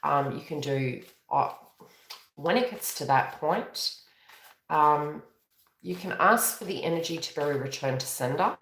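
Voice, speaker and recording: A woman with a New Zealand accent streams a live tarot and astrology reading, chatting in a tired, meandering way full of self-corrections. Her voice is low yet fairly bright and animated, at a measured pace, captured in a reverberant, rough recording.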